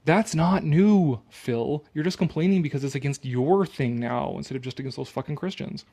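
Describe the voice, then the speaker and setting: With a fairly high, creaky yet mellow voice at a moderate pace, a man gives a sarcastic dramatic reading of an article. He keeps stopping to add his own casual, opinionated, mocking commentary, swearing now and then.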